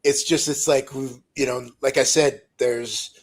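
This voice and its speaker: A French Canadian man, French his first language, talks at a very slow pace in casual conversation. His French Canadian accent comes with a hesitant, apologetic manner, often searching for the next word. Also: mid-range voice, fairly even intonation. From French-speaking Ontario, Canada. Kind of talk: casual chat on a live call-in show.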